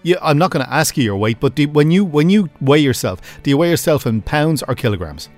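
A man hosting a casual chat, lively and quick to restart his sentences. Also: fairly high pitch, dry recording, soft background music. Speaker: host.

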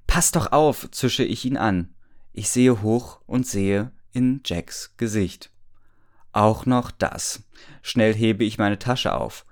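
A man's voice: on the low side, darkish tone. A man reading a story aloud for comedy, amused, often laughing and breaking off to mock the text. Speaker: reader and commentator.

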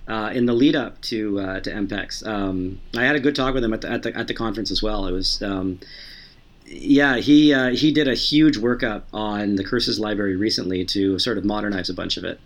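A man talking casually as a podcast guest about his software work, stumbling over many restarts and fillers. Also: lowish voice, fairly quick. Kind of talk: casual conversation.

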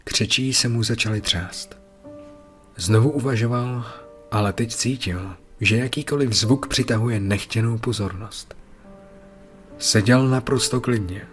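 A man narrating a horror story in a steady, measured way. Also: mid-range voice, soft background music.

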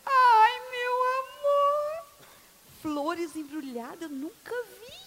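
A woman playing a demanding, dramatic wife in an amateur church skit, with a high, whiny, emotional way of talking. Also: big pitch swings, normal speed, heavy background noise. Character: demanding, dramatic young wife wanting roses.

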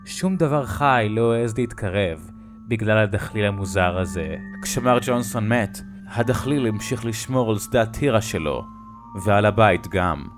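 A man narrates a horror story in a slow, dramatic way, with a fairly low voice. Faint music plays softly underneath him. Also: animated.

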